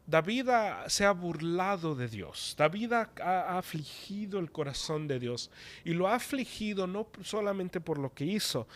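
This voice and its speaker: A man delivers a sermon with a voice pitched a little above most men's. He speaks earnestly and conversationally, as if talking with his listeners. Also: fairly bright tone, a little hiss or hum. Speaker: preacher.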